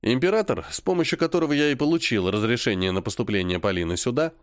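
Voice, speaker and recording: Guy reading an audiobook, first person, pitch moves around a lot, dry close sound. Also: animated, fast talker, no echo. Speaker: audiobook narrator.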